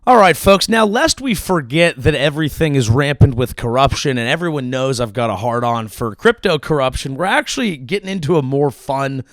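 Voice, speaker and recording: A man hosting his own show, delivering a profane, sarcastic comedic political monologue with sudden yelled outbursts. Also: mid-range voice, animated, fairly quick, few pauses, dry recording, clean studio sound. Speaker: comedian host.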